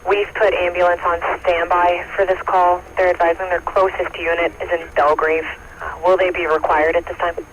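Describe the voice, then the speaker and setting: A man working as a fire dispatcher, heard over a two-way radio, giving steady procedural readbacks of units and times. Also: high voice, moderate pace. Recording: muffled radio channel with static hiss.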